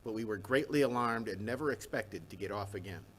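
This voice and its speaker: A man voicing an anxious, reluctant eighteenth-century minister, reading a first-person memoir in measured, formal language. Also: on the low side, lightly acted, rough recording. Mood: recounting. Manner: measured, formal period diction.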